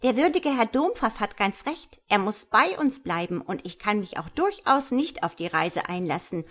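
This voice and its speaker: A woman's voice: mid-range voice, big pitch swings, a bit bright. A woman voicing a chattering, gossipy female magpie with a busy social calendar. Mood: fussy. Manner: chattering, fussy, rapid.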